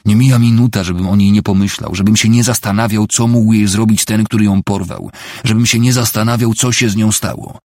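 A grieving father gone to the streets, read by a man, grim and unyielding. His low voice is gravelly and breathy. The recording is close and dry, like a storybook audiobook. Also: fairly even intonation, normal speed, a little mellow, dry recording. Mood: bitter. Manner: bitter, stubborn, grim. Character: broken grieving father turned homeless man.

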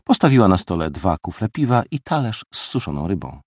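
A man reading a first-person audiobook story with lively, expressive delivery. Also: low voice, a little fast, slightly rough, no room sound, studio quality. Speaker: audiobook narrator.

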